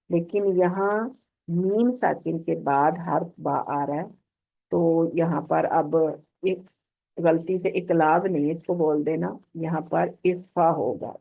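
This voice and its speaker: Slow, gravelly woman teaching tajweed. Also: low voice. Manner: slow, patient explaining with drawn-out recited examples. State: unwell. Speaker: Quran recitation teacher. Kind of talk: online tajweed lesson. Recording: tinny phone-line audio.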